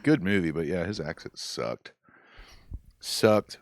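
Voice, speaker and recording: A man's voice: rumbling low, animated, measured pace, creaky, dry recording, clean studio sound. A man hosting a podcast, reading listener stories aloud and joking casually with a co-host. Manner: laid-back, jokey, swears casually.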